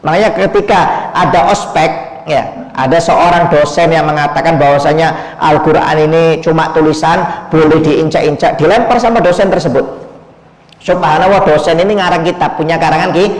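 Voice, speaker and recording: A man's voice: fairly high pitch, steady tone, normal speed. A male Islamic preacher giving a sermon, emphatic and full of rhetorical questions, speaking directly to his listeners. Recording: echoey hall.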